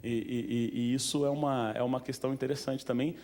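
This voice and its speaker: A Brazilian man speaks at a museum event in an easygoing, conversational way. His voice sits at an ordinary mid pitch, and he keeps turning to the audience with questions and little fillers. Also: steady tone, a little fast, a little mellow. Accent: Brazilian Portuguese. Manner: chatty, asks the audience questions, many fillers. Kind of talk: informal talk to an audience.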